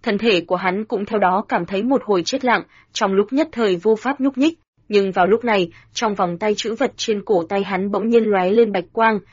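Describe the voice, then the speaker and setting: A woman narrating a fantasy audiobook in a steady, even storytelling manner. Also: mid-range voice, slightly rough, dry recording. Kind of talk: scripted narration. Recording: dull, dry lo-fi sound.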